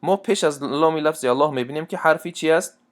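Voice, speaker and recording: A man teaching Quran recitation rules, explaining step by step and reciting verse examples. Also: fairly high pitch. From Tajikistan. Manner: plain explanatory talk, repeats and restarts, then slow drawn-out chanted recitation.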